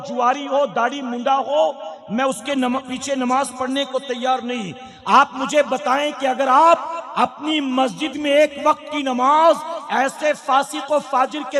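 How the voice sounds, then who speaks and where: A man's voice: very high-pitched, a bit bright. A man preaching a sermon to a gathering, firing rhetorical questions at the crowd, with speech. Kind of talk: religious sermon at a public gathering. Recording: long hall reverb.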